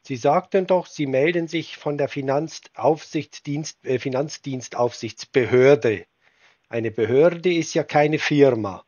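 A man in a prank phone call, talking slowly and pedantically while pretending to be confused. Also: on the high side, a little mellow, no room sound. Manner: slow, pedantic, feigning confusion. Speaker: prank caller baiting a scammer.

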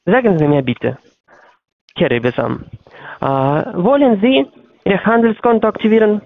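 A man with a foreign, non-native accent in German, speaking haltingly as he searches for words on a sales phone call. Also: sits high, lively intonation, vocal fry, no room sound. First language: not German. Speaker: phone sales agent for trading platform. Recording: tinny, narrow-band phone line.

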